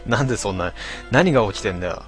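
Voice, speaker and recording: Low voice guy reading chat comments on a late stream, mock annoyed, keeps clearing throat, faint music behind. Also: expressive, fast talker. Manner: grumbling, talks to himself, mock-annoyed asides. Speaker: livestream host reading listener comments.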